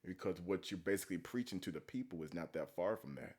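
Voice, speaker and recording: A man's voice: deep voice, animated, fast, a little mellow. A man giving casual, blunt, profane reaction commentary as he preaches about scripture. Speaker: commentary video host.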